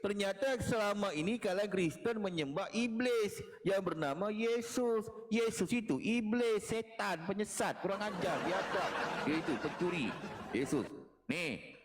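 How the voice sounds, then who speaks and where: A man's voice: high voice, unhurried. A man delivering a mocking, taunting monologue in a lecturing tone, repeating phrases and chuckling as he jeers. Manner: mocking, jeering, with frequent chuckles. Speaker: online religious commentator.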